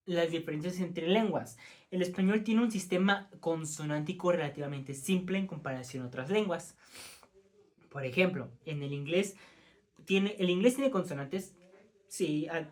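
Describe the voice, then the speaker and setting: Stumbling young man giving a class lecture. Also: a little high. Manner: stumbling over terms, frequent self-corrections; informal asides to the class. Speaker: student presenting as teacher.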